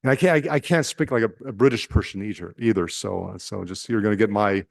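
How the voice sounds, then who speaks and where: A priest with a Nebraskan accent giving an informal retreat talk to a group, halting with many fillers and restarts and asking the room questions. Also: male voice, lowish voice, creaky, no room sound.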